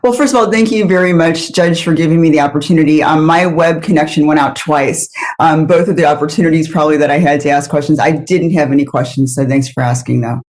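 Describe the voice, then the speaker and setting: A man's voice: a little high, fast, hardly any pauses, a little mellow. A man taking part in a formal hearing, making polite remarks to the judge. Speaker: hearing participant.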